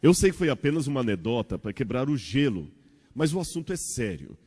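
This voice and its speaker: A man from Brazil, preaching a sermon in a church with rhetorical questions and an animated storytelling manner. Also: mid-range voice, brisk, breathy edge. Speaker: pastor. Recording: long church hall reverb.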